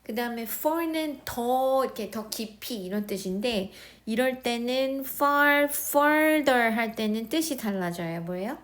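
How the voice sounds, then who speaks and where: A woman teaching English grammar in a recorded lesson, speaking with a Korean accent, explaining step by step and often checking that students follow. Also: a little high. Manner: slow, explaining, repeating words and checking understanding.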